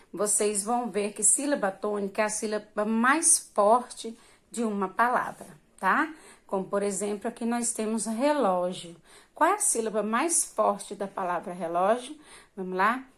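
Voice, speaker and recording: Woman teaching young kids remotely, very slow, patient, drawn-out words. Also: medium pitch. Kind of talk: remote primary school lesson.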